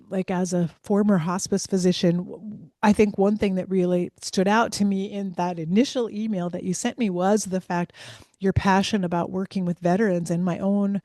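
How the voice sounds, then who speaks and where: A woman's voice: mid-range voice, dark tone, no echo, studio quality. A woman hosting an interview, a former hospice physician speaking earnestly and reflectively, sometimes restarting her sentences. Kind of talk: conversational interview.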